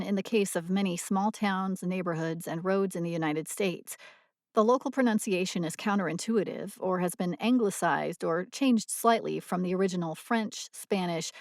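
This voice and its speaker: A woman narrating a scripted audio blog in a measured, explanatory reading voice on a close mic. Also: mid-range voice, no room sound.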